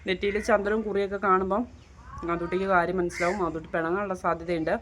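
A woman's voice: lowish voice, flat delivery, fast talker, a little hiss or hum. A woman talking casually to her viewers as she walks outdoors, filming on a phone and chatting in a loose, running way. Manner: chatty, keeps addressing viewers with tag questions. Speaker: vlogger. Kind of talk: casual walking vlog. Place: outdoors walking along roads, then at home.

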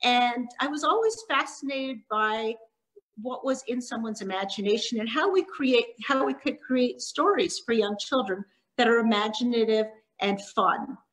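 A middle-aged woman from Montreal speaks in a slightly higher voice, explaining her work as a children's author. She talks at home into a laptop webcam on a video call, pausing often with ums. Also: poor audio. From Canada (Montreal), born in Hungary. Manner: warm explanatory talk with frequent ums and pauses. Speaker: children's author giving a talk. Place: living room at home.

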